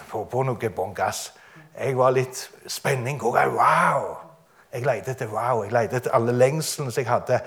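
A man giving a testimony sermon, telling his story dramatically and often laughing. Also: mid-range voice.

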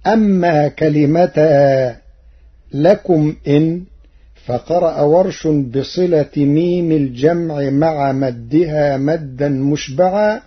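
A man speaks slowly and deliberately in a formal scripted explanation, his voice sitting a little high and sounding husky. The sound is dull and lo-fi, like an old archival radio recording. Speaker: radio presenter of Quran readings.

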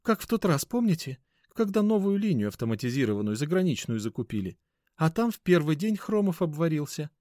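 A prim older woman frets in a high, anxious voice, read by a man. Her delivery is fussy and lively in pitch, close and dry. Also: fairly quick, no room sound. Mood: worried. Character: older female office worker, worried, prim. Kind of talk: audiobook character voice.

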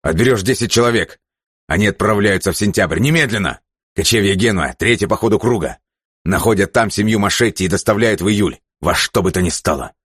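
A man reading an audiobook voices a furious, ruthless male leader who barks orders in a raised, sharp voice. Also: very deep voice, fairly quick, breathy edge, dry recording, clean studio sound.

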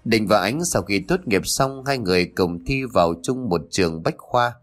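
A man narrating a story in an expressive, scripted way with a formal sign-off. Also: lowish voice, moderate pace.

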